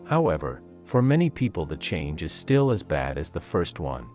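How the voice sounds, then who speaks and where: A man's voice: low voice, big pitch swings, moderate pace, a little mellow. A man reading scripted countdown narration in a documentary style. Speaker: video narrator. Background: faint-to-clear background music.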